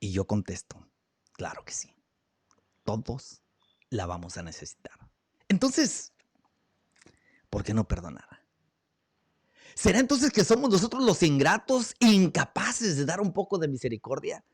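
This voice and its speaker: A man hosting a reflective talk, earnest, asking rhetorical questions, with pauses and fillers, on a studio microphone. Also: on the high side, wildly swooping pitch, slightly rough, dry recording. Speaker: host. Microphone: studio broadcast mic.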